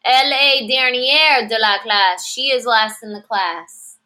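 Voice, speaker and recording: A woman teaching French adjectives, saying each word slowly and repeating it, then explaining in English. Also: on the high side, sharp tone. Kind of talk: slow, clearly enunciated language lesson.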